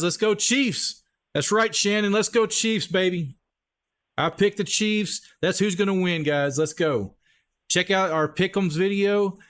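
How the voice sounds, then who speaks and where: A man with a Texan accent and a high, fairly bright voice runs casual live commentary for his stream. Upbeat and chatty, he calls the play-by-play, addresses viewers head-on, and shouts out folks in the chat.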